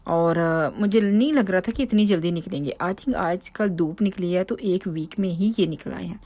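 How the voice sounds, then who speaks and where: A woman from Pakistan narrates a home vlog voice-over in a casual, chatty way, full of fillers and restarts. Her voice is lowish and dark in tone, at a normal speed, in a dry recording.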